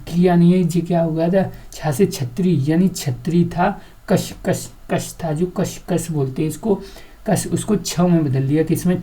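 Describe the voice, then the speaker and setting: A woman with a low, mellow voice gives an exam-prep grammar lesson. She quizzes the class over and over and then answers her own questions. Each example word gets repeated several times. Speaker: teacher.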